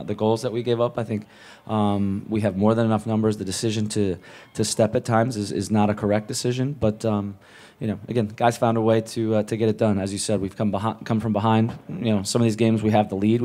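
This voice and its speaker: A man with a lowish, warm, relaxed voice fields questions as a head coach after a match. He talks in a measured way, restarting and repeating words while he thinks. His voice comes close on a table mic in an indoor press room. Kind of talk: post-match press conference answers. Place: press room with a sponsor backdrop. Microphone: table mic on a stand.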